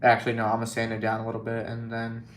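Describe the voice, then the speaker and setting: A man's voice: mid-range voice, completely flat delivery, rapid-fire, slight background noise. A man casually talking through a scale model repair, rambling and joking at himself with plenty of fillers. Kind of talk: casual hobby vlog commentary.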